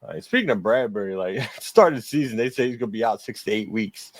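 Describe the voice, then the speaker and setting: Male podcast co-host, lower voice, crude trash-talking sports banter. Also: expressive, fast talker, no room sound. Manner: profane, laughing, trash-talking. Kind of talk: casual sports chat.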